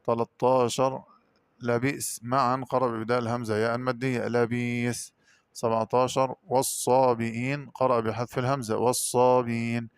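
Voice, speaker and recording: A man giving a Quran recitation lesson, explaining variant readings quickly and then chanting the words slowly and drawn out. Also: medium pitch, level tone, clean tone, dry recording, studio quality. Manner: brisk spoken explanations alternating with slow, drawn-out chanted words.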